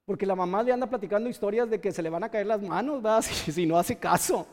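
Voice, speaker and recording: A Mexican man preaching with a very high-pitched voice. He presses the congregation with pointed rhetorical questions. His words ring out with a long reverb, as in a church hall. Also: fast. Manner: addresses listeners directly with pointed rhetorical questions. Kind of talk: sermon.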